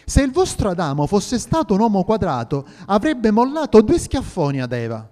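A man's voice: high voice, wildly swooping pitch, moderate pace, mellow. A man voicing a bold, boastful Saracen archer captain in a brash, raised tone. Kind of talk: audio drama reading. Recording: reverberant hall with faint music.

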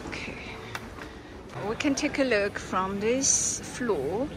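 A woman narrating a casual walking tour as a travel vlogger, speaking in slow, halting, simple phrases while walking through a large airport terminal on a camera mic. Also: fairly high pitch, expressive. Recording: busy terminal noise behind.

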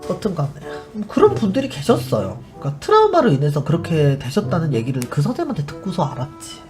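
A woman's voice: low voice, wildly swooping pitch, quick pace. A woman hosting a live stream, chatting casually as she tells a story and acts out the people in it. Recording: music under the voice. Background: background music.

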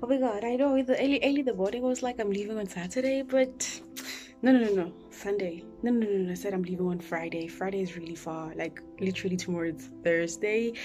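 A woman's voice: fairly low pitch, darkish tone. Playful woman vlogger, faint music behind. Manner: playful, repeats phrases. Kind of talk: casual vlog chat.

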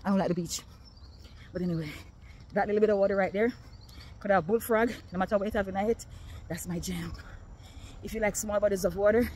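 A woman's voice: medium pitch, mellow. Woman, casual walking vlog, slightly breathless, phone mic outside, faint background noise. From Jamaica. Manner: chatty, talking to viewers while walking. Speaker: vlogger. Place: outdoors on a neighborhood street.

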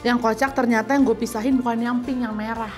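In a bright indoor room with faint music in the background, a guest in her thirties chats in a fairly high, fairly quick voice with a Betawi accent. Her manner is casual, animated and chatty, with playful put-on voices.

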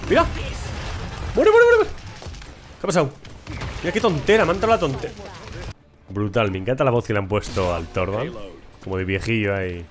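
A young man giving excited, shouty live commentary over his own gameplay, swearing and laughing at himself. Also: lowish voice, quick pace, long pauses, faint music behind. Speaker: gameplay streamer.

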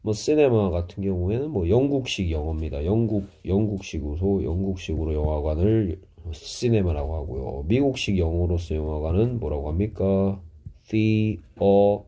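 A middle-aged man teaching English vocabulary, explaining each word slowly with Korean glosses. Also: low-pitched, expressive, mellow, husky. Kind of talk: vocabulary lesson.

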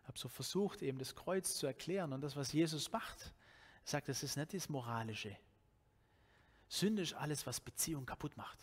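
A man's voice: fairly high pitch, moderate pace, slightly rough. A man in his forties from Swabia with a Swabian German accent, preaching a sermon in a loose, conversational way, often restarting his sentences, speaking into a headset mic in a church hall. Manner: conversational, animated, with many restarts and fillers. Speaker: pastor.

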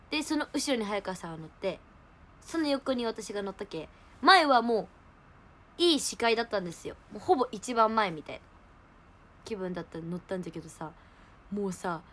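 A young woman, hosting a livestream and telling a story in animated casual chat. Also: on the high side. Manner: animated storytelling, laughing, exclaiming. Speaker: idol livestream host.

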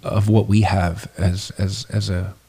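A man in his thirties co-hosting a home podcast, talking in a relaxed, halting way with many ums into a studio mic. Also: deep voice, gravelly, slightly rough. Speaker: podcast co-host. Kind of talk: casual chat. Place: living room at home. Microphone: studio mic on boom arm, headphones.

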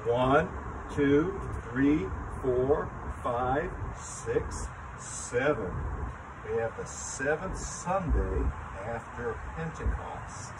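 An older man with grandchildren leading a lively children's sermon outdoors, talking straight to the kids as he tells a story. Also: mid-range voice, extremely slow. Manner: animated storytelling, talks to children. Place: outdoor covered chapel area. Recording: distant mic with traffic noise outdoors.

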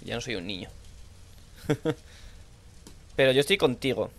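A young man with a Spanish accent from Spain, playing a horror game and thinking aloud in low mutters, now and then shouting out. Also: animated, a little slow. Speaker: gaming streamer. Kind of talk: horror let's play commentary.

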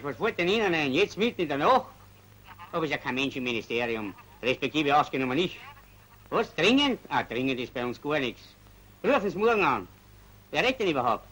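An actor playing a brusque night porter, answering the phone in 1940s film style. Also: male voice, a little high, a bit bright, rough recording. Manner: brusque, dismissive.

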